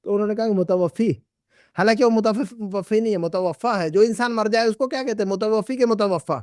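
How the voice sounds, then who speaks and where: A man's voice: sits high, steady tone, fast, darkish tone, no echo, clean studio sound. A middle-aged man teaching an Arabic class, patiently repeating and drilling words with his students. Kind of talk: classroom lesson.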